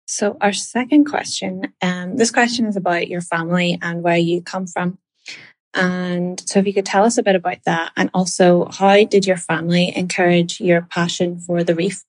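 A young woman with a Northern Irish accent, a volunteer who hosts a podcast interview and asks measured questions. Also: fairly low pitch, steady tone. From Belfast, Northern Ireland.

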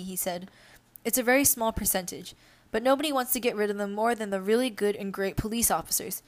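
A young woman in the host's chair, reading news articles aloud at an even, mid-range pitch. She moves between steady read-aloud passages and loose, unscripted asides full of little fillers. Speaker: podcast host.

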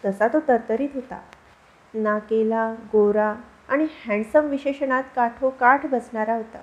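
A woman reads a short story aloud with a high voice, measured and expressive. The recording sounds dull and lo-fi. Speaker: audiobook narrator. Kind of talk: scripted narration of a short story.

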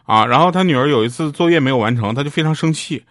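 A man's voice: on the high side, fast talker, a bit bright, no room sound, studio quality. A man telling a string of short funny anecdotes in a chatty way, often laughing at his own punchlines. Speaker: comedic storyteller. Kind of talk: comedic storytelling monologue.

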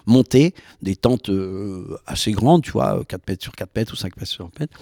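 A man, a voice actor guest, telling anecdotes in a casual chat with lively, rambling delivery full of restarts and mimicked quotes. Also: lowish voice, measured pace, gravelly, no room sound, studio quality. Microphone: podcast microphone.

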